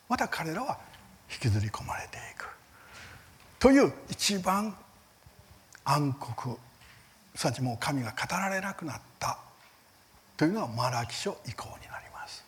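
A man giving a Bible seminar lecture, earnest and emphatic, with rhetorical questions and line ends that fade to a near whisper. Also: slight background noise. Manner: lively rises in pitch on key words, soft fading line ends. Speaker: Bible teacher.

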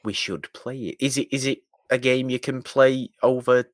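In a dry recording, a British co-host of a film podcast talks casually at normal speed. His medium-pitched voice stays level as he hedges and plays at being pedantic.

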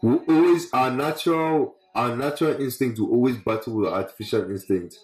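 A man's voice: mid-range voice, a little fast, darkish tone, faint music behind. A man talking casually and reflectively, making earnest points with emphatic repetition. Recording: roomy, echoey sound.

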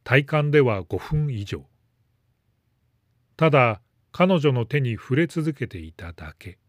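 A man reading a story aloud in a calm, measured narration. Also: medium pitch, no room sound. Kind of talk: scripted narration.

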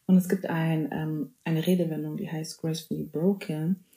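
On her casual solo podcast, a twenty-something woman from Bavaria chats playfully, blending German with English phrases and dropping in amens and hallelujahs. She speaks at a moderate pace in a low, dark voice with little pitch movement, and the sound is reverberant.

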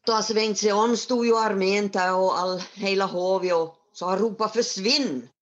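A woman telling a folktale in a homely, unhurried way and sometimes repeating words. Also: mid-range voice, fairly even intonation, muffled recording. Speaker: storyteller. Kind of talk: folktale storytelling.

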